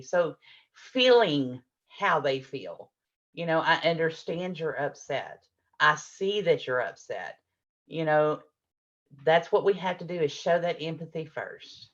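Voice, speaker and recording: A woman's voice: sits low, dull audio. A middle-aged woman presenting a parenting workshop, explaining with patient examples and acting out what adults and children say. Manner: warm explanatory, acts out adult and child lines.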